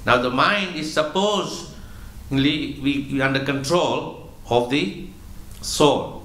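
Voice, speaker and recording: A man delivers a spiritual lecture with a medium pitch and a measured, explanatory manner, circling back on his own words. The sound is roomy, with noticeable echo around the voice. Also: fairly bright tone. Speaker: spiritual teacher. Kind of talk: religious lecture.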